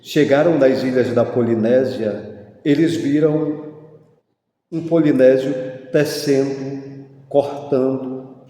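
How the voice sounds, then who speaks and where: A man lecturing on mythology and religion, explaining deliberately and posing rhetorical questions. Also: medium pitch, steady tone, mellow. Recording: echoey hall with long reverb.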